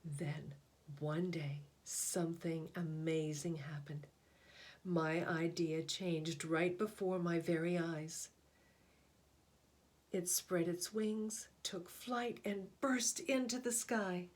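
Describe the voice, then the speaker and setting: A woman with a voice on the low side reads a picture book aloud, giving it a storyteller's deliberate, expressive phrasing and pauses.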